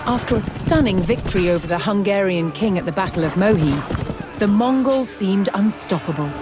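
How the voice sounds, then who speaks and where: A woman delivering scripted historical documentary narration in a measured, dramatic storytelling manner with deliberate pauses. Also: mid-range voice, animated. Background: background music.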